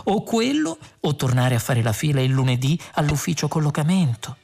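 A woman reads a cool, clever young woman scientist in a read-aloud story. She speaks calmly and dryly in a low, slightly husky voice. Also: moderate pace, exaggerated voice.

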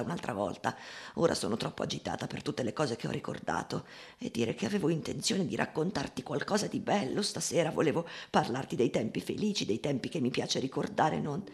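A woman's voice: extremely low pitch, animated, brisk, creaky, heavily acted. A woman voicing a poor old woman who is recalling hard times, in a plain, sorrowful audiobook reading. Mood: sad, agitated.

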